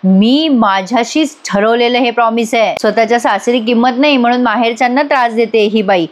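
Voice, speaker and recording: A woman's voice: on the high side, a little fast, close to an everyday voice. A woman voicing a bitter, scheming woman who speaks in sarcastic accusations.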